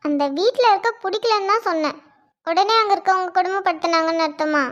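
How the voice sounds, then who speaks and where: Woman as chatty young friend, high, snappy, lo-fi. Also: fairly bright tone. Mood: retorting. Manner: chatty storytelling, quick retorts. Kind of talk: Tamil cartoon voice acting. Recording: dull lo-fi audio.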